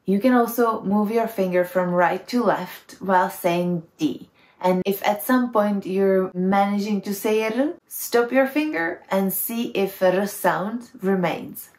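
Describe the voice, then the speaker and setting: A woman's voice: mid-range voice, takes it slowly, a little mellow, reverberant. A woman teaching pronunciation to foreigners, patiently demonstrating sounds with repeated syllables. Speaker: Czech language teacher. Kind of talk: pronunciation lesson.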